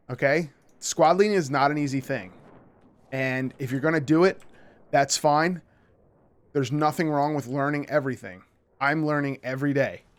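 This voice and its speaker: Talking over gameplay in a relaxed, chatty tutorial, this host has a smooth, mid-range voice. He covers how to make radio calls and work as a team, demonstrating example calls and frequently asking "okay?"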